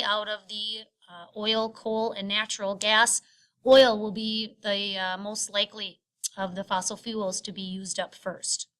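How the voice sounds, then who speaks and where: Bright-voiced woman teacher narrating a screencast lesson. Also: medium pitch. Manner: halting, explanatory teaching delivery with frequent filled pauses. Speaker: science teacher. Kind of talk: recorded lecture narration, explanatory screen recording. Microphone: screen recording voice-over.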